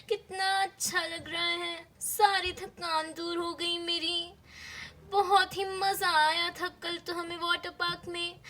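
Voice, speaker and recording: A woman's voice: extremely high pitch, bright, forceful tone, heavily acted. A woman voicing a dramatic young mother who frets and whines, close to tears, in a doll-play story. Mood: sleepy content. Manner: worried, whining, near tears.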